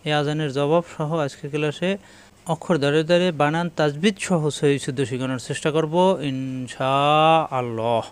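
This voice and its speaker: A man teaching an online Quran lesson, spelling words letter by letter and chanting slow examples. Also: on the high side, steady tone, smooth. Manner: chants the call to prayer slowly in demonstration.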